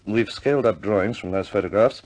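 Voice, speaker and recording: Lightly acted and darkish in tone, a lower-pitched male voice portrays a grave, businesslike senior officer of the British air force. The briefing comes out deliberate and measured, echoing 1950s war cinema.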